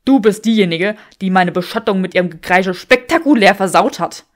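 A woman voicing an arrogant, scornful young wizard in a fan fiction audiobook, firing back loud, clipped retorts close to her own voice. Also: mid-range voice, lively intonation, fairly quick, natural voice.

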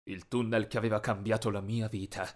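A man narrating a teen story in the first person, expressive and dramatic. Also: on the low side, a little fast.

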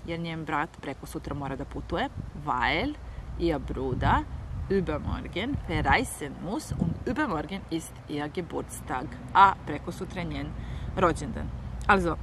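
A woman whose first language is Serbian, teaching a bilingual German lesson, repeating each phrase slowly and then translating it. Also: lowish voice, background noise.

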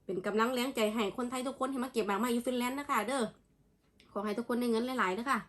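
A woman's voice: a little high, steady tone, quick pace, a bit bright. A woman with an Isan Thai accent chatting casually to viewers in a food vlog, often using polite, familiar particles. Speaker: food vlogger.

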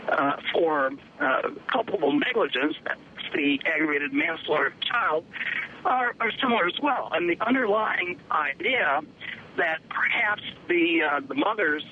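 A male defense attorney speaking in a phone-in interview, his voice muffled as if from the bottom of a well, with measured, careful legal phrasing. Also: fairly high pitch, expressive. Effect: muffled phone line, like at the bottom of a well. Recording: dull lo-fi phone line with faint hiss.

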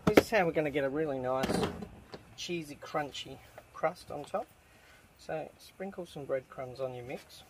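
A man's voice: fairly high pitch, normal speed. A man casually talking through a camp cooking recipe step by step, filmed in a tent camp kitchen. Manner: relaxed, chatty step-by-step instructions. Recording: noisy outdoor camp recording.

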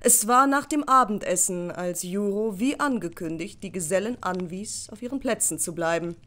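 A woman narrating a story chapter in an audiobook, with expressive storytelling. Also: mid-range voice, moderate pace, faint music behind. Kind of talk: scripted narration.

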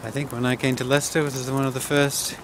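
Holding his phone camera at arm's length, a groom records a casual handheld vlog of his wedding day in a park and then a crowded, noisy restaurant. His mid-range voice is flat, quick, and a bit worn since he's losing it, and he rambles chattily with lots of fillers.

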